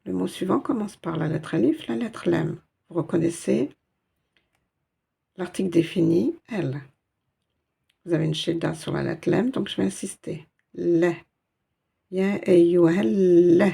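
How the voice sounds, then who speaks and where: A woman's voice: fairly low pitch, lively intonation, moderate pace, vocal fry, long pauses, warm tone, slightly rough. A woman teaching a step-by-step Arabic reading lesson in French, patient and explaining each letter and sound.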